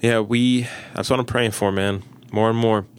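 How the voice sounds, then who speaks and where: A pastor chats casually on a podcast, telling stories with animation and acting out the people he quotes. His voice is lowish and moves at a normal speed, with slight background noise.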